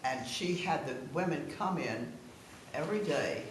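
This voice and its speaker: At a family gathering, a woman in her nineties from South Carolina, United States, speaks as the reminiscing guest of honour, telling old stories casually in a Southern American accent. She has a deep, animated voice and keeps a measured pace. Her room echoes, the mic is far off, and noise is clearly present.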